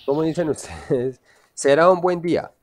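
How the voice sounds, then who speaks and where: This man's voice is on the high side and moves at a moderate pace. Teaching English online with a Colombian Spanish accent, he keeps checking his students' understanding by asking them questions.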